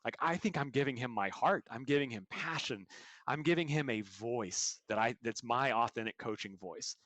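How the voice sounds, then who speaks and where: A man's voice: medium pitch, lively intonation, normal speed, a bit bright, no room sound. A man being interviewed as a coach, explaining his ideas earnestly through stories and examples. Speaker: guest coach. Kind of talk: podcast interview answers.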